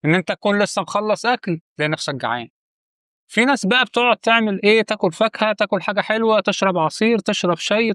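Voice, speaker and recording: Fast-talking Egyptian man, high voice. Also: a bit bright, no room sound, clean studio sound. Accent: Egyptian Arabic. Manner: direct, coaching, addresses viewer as you. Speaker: channel host giving quit-smoking advice. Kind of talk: casual advice monologue.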